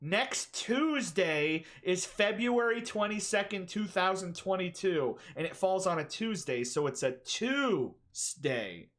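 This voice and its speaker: A man's voice: high voice, lively intonation, a bit bright. A man streaming a reaction to a video, chatting casually with viewers and cracking jokes. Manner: joking, quick asides, frequent laughs.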